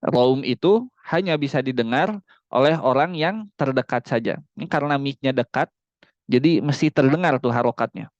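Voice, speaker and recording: A man teaching Quran recitation in an online class over a close mic. He explains each rule, then models the words in long, drawn-out recitation. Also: medium pitch, dry recording, lo-fi sound. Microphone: close mic on a video call.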